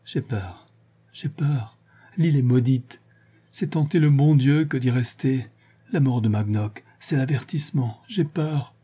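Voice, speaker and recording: A man's voice: mid-range voice, unhurried, mellow, husky. A man reading an audiobook and voicing a frightened Breton housekeeper who pleads and fears the cursed island. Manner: fearful, pleading, superstitious.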